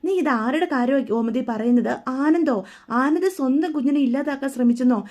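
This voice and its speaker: A woman's voice: high voice, fairly quick, dark tone, close to an everyday voice. A woman voicing an elderly grandmother who keeps pressing her weeping daughter with questions. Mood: alarmed. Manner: coaxing, repeated pressing questions. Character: elderly grandmother, pleading and insistent.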